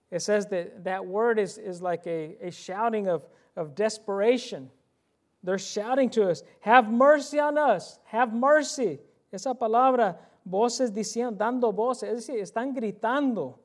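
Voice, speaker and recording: High-voiced earnest male preacher. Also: a little mellow. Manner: earnest, emphatic preaching with repeated phrases; asks the listeners direct questions. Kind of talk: sermon.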